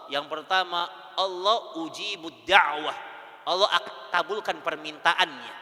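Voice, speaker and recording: A man preaching a sermon in a mosque hall, lively, swinging between loud emphasis and soft asides. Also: high-pitched. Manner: addresses women listeners as "Bu".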